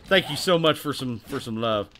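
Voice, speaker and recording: Rowdy, animated male gaming streamer. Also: mid-range voice, normal speed, slight background noise. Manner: rowdy, crude, animated, thanks viewers by name. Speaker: livestream host. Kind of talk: casual gaming livestream chat.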